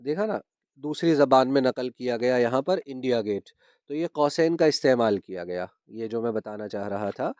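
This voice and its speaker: A man's voice: mid-range voice, expressive, darkish tone, no echo. A man teaching a grammar lesson, patiently repeating key terms and checking that his students understand. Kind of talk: grammar lesson explaining punctuation.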